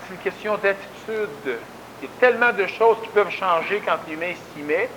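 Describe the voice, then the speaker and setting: A spiritual lecturer from Québec speaks at a moderate pace in a high-sitting, fairly bright voice. His conversational lecture has a folksy, emphatic feel, full of repeated words for stress. The audio quality is poor, with slight background noise.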